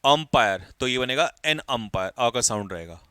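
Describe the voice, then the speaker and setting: A man's voice: mid-range voice, lively intonation, moderate pace, a bit bright, smooth, no room sound. A man teaching an English grammar lesson to exam students, calling out examples and quizzing the class.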